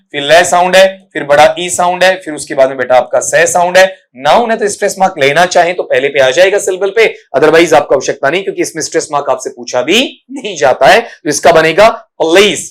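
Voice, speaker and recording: A man with a notably high-pitched voice leads an exam-prep English class, drilling word sounds over and over. He addresses his students fondly as "beta" and breaks each word into its sounds. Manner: drills words by repeating them, calls students "beta". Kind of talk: pronunciation lesson lecture.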